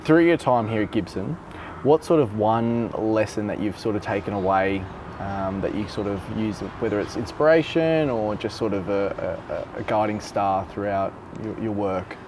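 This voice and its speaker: A man's voice: lowish voice, moderate pace. An Australian man asking casual, conversational questions as an interviewer. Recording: noticeable background noise.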